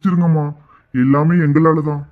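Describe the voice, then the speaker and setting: A man's voice: on the high side, steady tone, moderate pace, lightly acted. A man voicing a humble, grateful middle-aged father who drives an auto-rickshaw in a cartoon, speaking emotionally. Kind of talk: cartoon voice acting. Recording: tinny phone-like audio.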